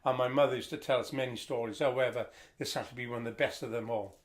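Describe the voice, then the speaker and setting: An older man reading a family history aloud, telling the story in a lively storytelling way. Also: medium pitch, fast talker.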